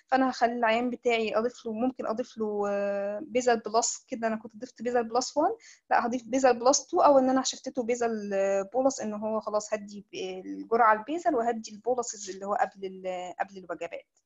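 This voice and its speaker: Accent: Egyptian Arabic. Sex: woman. Pitch: fairly high. Pace: very fast. Style: medical lecture. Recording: dull video call audio. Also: a little mellow. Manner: rapid, explains step by step with many restarts. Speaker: doctor giving an online lecture.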